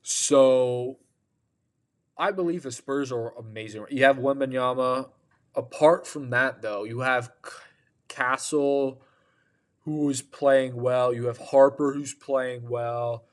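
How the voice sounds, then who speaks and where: A man talks through his sports opinions slowly and casually, sounding worn out. His voice sits at an ordinary pitch, and he stretches his words at a relaxed, unhurried pace. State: tired, yawning. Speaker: podcast host.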